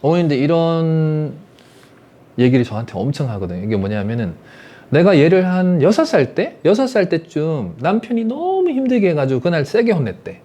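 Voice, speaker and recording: A man's voice: a little high, sing-song, normal speed, dark tone. A man giving an online adult-education lecture on family psychology, often asking rhetorical questions. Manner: asks the audience rhetorical questions; acts out parents' scolding in quoted voices.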